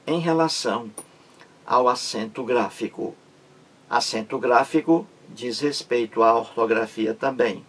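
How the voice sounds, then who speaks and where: Slow, husky teacher man. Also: mid-range voice. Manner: slow, repetitive, spells out syllables with emphatic stresses. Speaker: Portuguese language teacher. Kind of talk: grammar lesson explanation.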